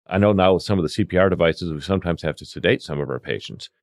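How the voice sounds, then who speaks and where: A paramedic and CPR instructor with a low, vocal-fry-tinged voice speaks fast while recounting field anecdotes conversationally and animatedly, acting out exchanges through quoted dialogue. The recording is clean studio sound without any room sound.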